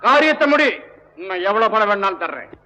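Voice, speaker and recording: A man's voice: high voice, sing-song, quick pace, long reverb tail, over loud music, poor audio. An actor playing a rich, scheming male landlord who speaks in a commanding, insistent way, on an old film soundtrack.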